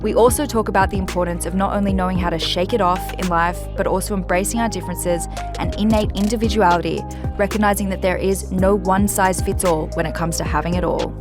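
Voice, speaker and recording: Woman, podcast host, lowish voice, polished and eager, music playing under her. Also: steady tone, fast. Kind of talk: scripted intro and interview questions.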